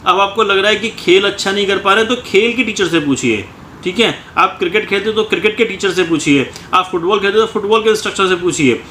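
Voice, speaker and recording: A man's voice: high-pitched, bright, forceful tone. A man who coaches students, giving a motivational talk in short, repeated phrases. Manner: talks in repeated short phrases, often ends with "ठीक है". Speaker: coaching teacher. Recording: echoey room, faint ambient noise.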